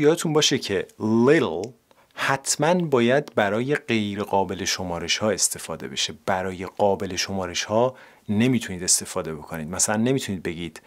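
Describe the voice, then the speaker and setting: Man teaching English grammar. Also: lowish voice. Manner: addresses viewers as kids, reads English examples slowly and clearly. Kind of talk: grammar lesson in Persian.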